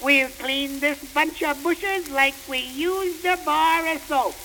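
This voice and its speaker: Woman voicing a slangy boy in the bleachers, old-time dialect, high voice, very slow delivery. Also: pushed and bright, slight background noise, exaggerated voice, poor audio. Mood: boastful. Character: rowdy young male baseball fan, excitable. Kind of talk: comic poem recitation.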